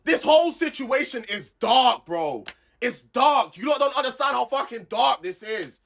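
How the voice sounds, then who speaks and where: A woman's voice: high-pitched, animated, moderate pace, vocal fry. A woman delivering an angry, heated commentary, swearing and repeating herself as she rants.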